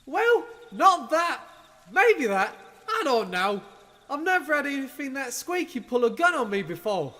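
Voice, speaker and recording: A man's voice: very high voice, big pitch swings, a little slow, bright, forceful tone, heavily acted. A man voicing a wry, grandiloquent undertaker in a cartoon fan dub, with a wordy, theatrical, sardonic delivery. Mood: exasperated, wry. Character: wry, grandiloquent male undertaker and bootlegging accomplice. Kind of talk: animated fan dub acting.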